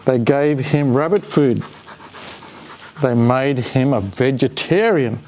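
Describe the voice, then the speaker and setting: Taking it slowly in a medium-pitched, darkish voice, a man reads a children's picture book expressively to a dog. Along the way he offers the pet playful, chatty asides.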